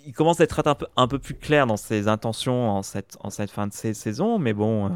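A man's voice: on the low side, expressive, a little fast, smooth, no echo. A man chatting casually as a podcast co-host, telling stories at length with lots of fillers and repeats. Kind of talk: casual chat recapping TV shows.

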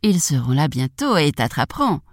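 A woman voicing a sly, cunning male fox who speaks in a smooth, coaxing way. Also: a little high, sing-song, normal speed, dry recording, clean studio sound.

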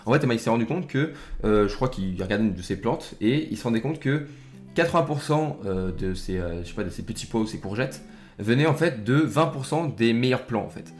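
A man's voice: medium pitch, animated, fairly quick, soft background music. A young man hosting his own podcast, chatting casually and rambling with lots of fillers and restarts while addressing the listener directly. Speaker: podcast host. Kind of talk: casual solo podcast talk.

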